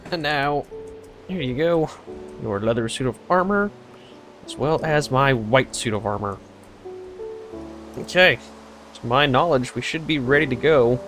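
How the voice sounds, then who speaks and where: A young man talks his way through a gameplay recording, thinking out loud and dropping dry, sarcastic jokes. His voice sits at an average pitch. Soft game music plays faintly behind him. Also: expressive, unhurried, pauses often. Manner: rambling, sarcastic, laughs often. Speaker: let's play host. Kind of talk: casual gameplay chat.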